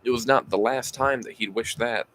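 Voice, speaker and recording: A tired man reading a novel aloud at a mid pitch, in a casual amateur audiobook style. He sighs often, trips over words and goes back to fix them. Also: normal speed, fairly bright tone, a little hiss or hum, poor audio. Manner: sighing, stumbling over words and correcting himself.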